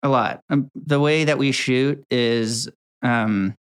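A young man from Connecticut, USA, who edits video chats casually as a workplace interview guest, rambling at ease, often restarting and saying "um". His medium-pitched voice is slow, clear and resonant.

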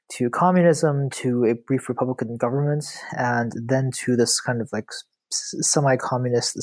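Guy from china, law prof, kinda husky, lots of um and like and restarts. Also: medium pitch, a little mellow. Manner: thoughtful, many fillers and restarts. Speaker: guest author, law professor. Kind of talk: academic interview answers.

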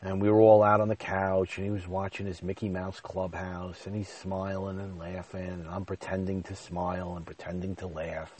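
A man's voice: sits low, little pitch movement, moderate pace, few pauses, darkish tone, rough recording. A man in his thirties telling a personal story in an emotional, confessional way.

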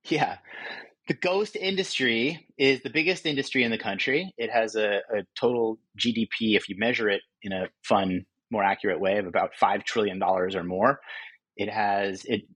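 Low husky-voiced male author, dry sound. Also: moderate pace, a bit bright, dry recording, rough recording. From California. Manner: thoughtful, with frequent restarts and fillers. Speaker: author and guest. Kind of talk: interview answers.

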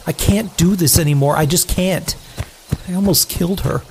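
A woman playing a cursed, guilt-ridden young man in a game, stammering in a lowish voice. There is a clear hum of background noise. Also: moderate pace, close to an everyday voice. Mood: shaken. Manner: shaken, stammering.

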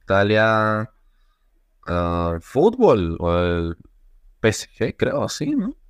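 Animated Bolivian man telling a story. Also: on the low side, drawn-out words, smooth, no room sound, clean studio sound. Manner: animated storyteller, acts out quotes, laughs often. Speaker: guest, travel YouTuber. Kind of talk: casual podcast interview.

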